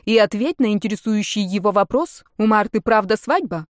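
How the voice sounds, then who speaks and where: A woman's voice: mid-range voice, expressive, normal speed, darkish tone, no echo, clean studio sound, lightly acted. A woman voicing a jealous, protective middle-aged wife who speaks in an indignant, pointed way.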